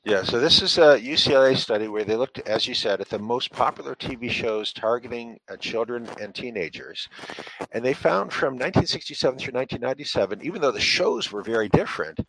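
A man's voice: medium pitch, lively intonation, brisk, fairly bright tone, rough recording. A man who writes and speaks about parenting, answering interview questions in an earnest, instructive way with frequent fillers. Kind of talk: interview answers giving advice.

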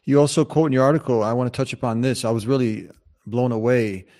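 Mid-pitched man interviewing a guest. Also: fast, mellow. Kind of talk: conversational interview questions.

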